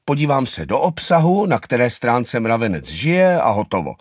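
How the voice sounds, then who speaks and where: A man's voice: medium pitch, sing-song, no room sound, clean studio sound. A man voicing a small, hungry and impatient anteater boy in a children's storybook reading. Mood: bold. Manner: whiny, curious.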